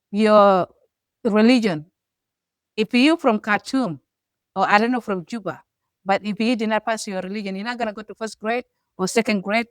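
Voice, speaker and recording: A middle-aged South Sudanese woman with a South Sudanese accent co-hosts and shares her life story, her slightly high voice earnest and emphatic, building to forceful stresses. The studio-quality recording has no echo.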